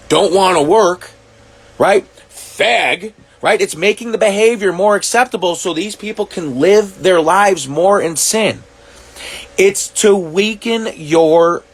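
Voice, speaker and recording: A man talking to camera, reacting to clips, swearing often and working out his thoughts aloud with halting restarts. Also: high voice, breathy edge. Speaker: commentary vlogger. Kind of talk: reaction monologue.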